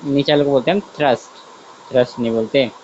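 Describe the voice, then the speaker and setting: A science teacher with a mid-range, darkish voice runs an online class at a quick pace, chatting and thinking aloud while he draws. He often says "theek hai" (okay), corrects himself, and asks whether students understand. The sound is lo-fi with a little hiss or hum.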